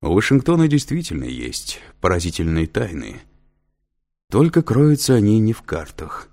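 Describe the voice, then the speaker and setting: A man's voice: on the low side, sing-song, moderate pace, a little mellow. A man reading an audiobook, voicing a patient male professor who explains and lectures with dry humor. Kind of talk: audiobook character voice.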